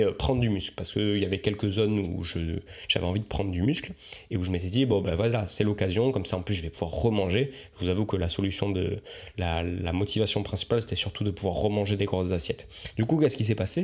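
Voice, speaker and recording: A man's voice: lowish voice, a little mellow. A young man, a coach, musing aloud in a casual podcast monologue, rambling and reflective with many fillers and restarts.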